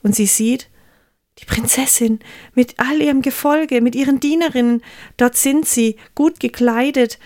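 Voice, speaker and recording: Expressive woman telling a children's Bible story. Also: high-pitched. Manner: expressive, slowed for suspense.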